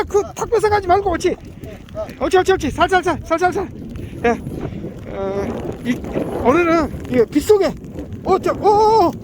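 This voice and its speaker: A middle-aged man chatting casually and coaching with short, repeated exclamations, outdoors in bad weather. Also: very high voice. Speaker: fishing guide and pension host. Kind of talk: casual chat while coaching guests at fishing. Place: outdoors by the sea in rain and wind. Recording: loud wind and rain on microphone.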